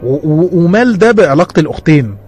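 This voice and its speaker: A man with an Egyptian accent telling a horror story in a dramatic, animated way, sometimes stumbling over his words. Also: a little high, fast, slightly rough, soft background music.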